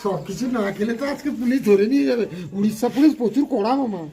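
This vlogger's voice is very high-pitched and mellow, moving at a quick pace. Filming his family's casual trip on a night beach and then at dinner, he chats, ribs his relatives and breaks into song.

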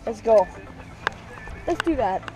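A woman vlogging casually, excitable and profane, often repeating her phrases. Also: a little high, takes it slowly, low-quality recording. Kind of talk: casual handheld vlog. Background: music playing.

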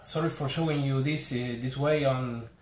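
Here a man's medium-pitched voice, fairly even and a little mellow, carries an Argentine Spanish accent; Spanish is his first language. In an echoey little bedroom, the Argentine collector talks casually to the camera about his haul, pausing and apologizing as he reads off titles one at a time.

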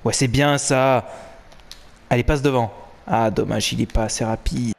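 A young man giving excited, swearing live commentary while playing a football video game. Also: mid-range voice, moderate pace, creaky. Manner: animated, swearing, cheering and groaning at the match. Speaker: gaming commentator.

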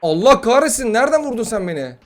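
A man giving casual, excitable gameplay commentary, swearing, joking and trash-talking his opponents. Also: very high voice, fast talker. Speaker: gaming YouTuber.

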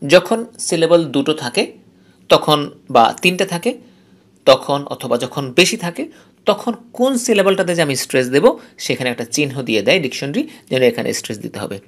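A male English teacher from Bangladesh delivers a recorded phonetics lesson in a high-leaning, sing-song voice, explaining slowly, repeating key terms and reading English rules aloud.

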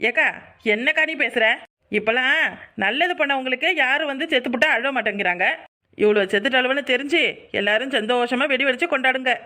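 A woman's voice: high voice, fast talker, long pauses, bright, forceful tone. A woman voicing a crafty young village woman in a cartoon, coaxing and fake sobbing. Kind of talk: Tamil cartoon voice acting.

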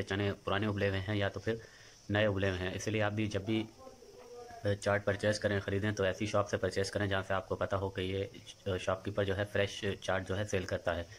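A man's voice: lowish voice, a little hiss or hum. A man talking casually to his viewers in a home vlog, chatty and repetitive, leaning on the same fillers and saying things twice in different words. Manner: chatty, keeps saying "guys" and "okay" as fillers; repeats himself, restating words in two ways. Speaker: vlogger.

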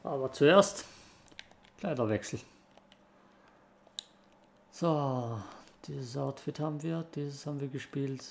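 A man's voice: mid-range voice, slow pace, vocal fry, long pauses, a little mellow, slight background noise. A man giving casual, offhand commentary while he plays a video game, muttering to himself. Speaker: gamer commenting on own playthrough.

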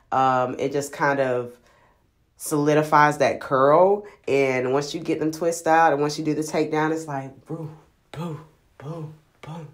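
A woman's voice: sits low, recorded from a distance. Chatty congested woman in an echoey bathroom. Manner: laid-back, chatty, drawn-out fillers. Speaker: vlogger. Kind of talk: casual hair-care vlog chat. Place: home bathroom.

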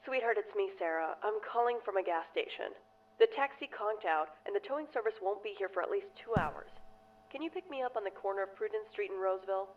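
A woman's voice: medium pitch, quick pace, lightly acted. A woman playing a stranded wife leaving a phone message in a horror game. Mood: pleading. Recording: muffled distant noisy phone message.

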